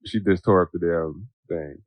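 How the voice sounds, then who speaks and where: A man's voice: sits low, moderate pace, dry recording. A man co-hosting a podcast, casually joking with his partner about their trip. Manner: joking, animated storytelling. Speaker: podcast co-host. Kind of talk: casual couple chat.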